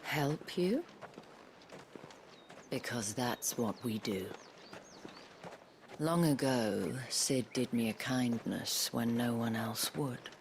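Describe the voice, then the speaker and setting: A woman playing a poised, teasing madam in a video game, speaking slowly and deliberately, often dropping to a breathy near whisper. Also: rumbling low, background noise, exaggerated voice. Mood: measured, confiding. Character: poised, seductive brothel madam, teasing and calculating. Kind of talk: scripted video game acting.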